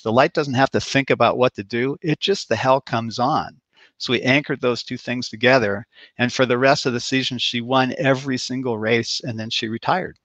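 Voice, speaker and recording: Man, performance coach, casual storytelling, fillers and restarts, middle pitch, dry close recording. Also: fairly bright tone, no room sound. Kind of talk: conversational interview answer.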